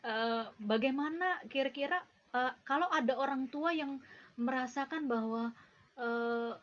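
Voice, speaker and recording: A woman hosts an interview and frames her long questions slowly, pausing often on "eh". Her voice is fairly high. The recording sounds dull and lo-fi. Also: a bit bright. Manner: hesitant, many "eh" fillers. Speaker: interview host. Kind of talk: hosting an interview.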